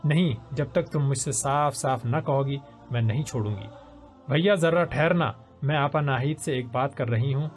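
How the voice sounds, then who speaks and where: A man's voice: medium pitch, soft background music, natural voice. A man voicing a shy, emotional young woman who was wounded, speaking in a pleading, tearful way.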